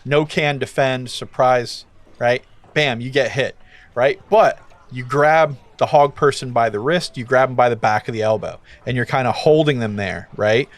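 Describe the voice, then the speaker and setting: A man's voice: mid-range voice, moderate pace. A man running a tabletop game as game master, narrating in a casual, loose way full of fillers.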